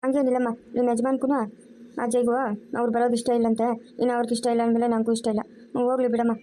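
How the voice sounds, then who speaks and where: A woman's voice: fairly high pitch, monotone, dark tone, slight background noise, lightly acted. Woman playing a tearful grieving older mother. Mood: sorrowful. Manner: tearful, slow and sorrowful pleading. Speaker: mother Akhilamma. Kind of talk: amateur family drama acting.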